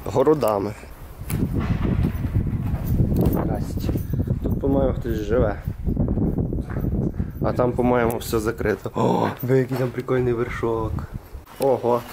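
A man's voice: medium pitch, steady tone, measured pace, pauses often, very noisy. A man filming a casual vlog as he explores a large abandoned concrete hall, chatting to a friend as he goes. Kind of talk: casual handheld vlog narration.

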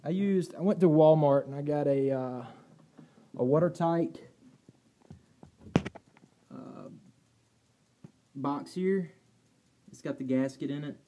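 A man's voice: on the high side, takes it slowly, long pauses, mellow, a little hiss or hum. A man walking through his kayak gear in a garage, rambling in a plainspoken way with fillers and restarts, recorded on a handheld phone. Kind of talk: casual walkthrough. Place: indoors, garage or storage room. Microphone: handheld phone camera.

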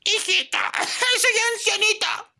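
A man voicing a bossy, doting mother in a squealing, melodramatic falsetto for a comedy sketch. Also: slow, pushed and bright, exaggerated voice. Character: shrill doting mother, middle-aged woman, bossy.

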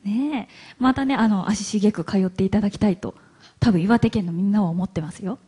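A woman from Hiroshima hosting a live stage interview, chatty and quick to laugh, with plenty of fillers. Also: medium pitch, dark tone, slightly rough. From Hiroshima, Japan. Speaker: event MC and interviewer. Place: event hall stage.

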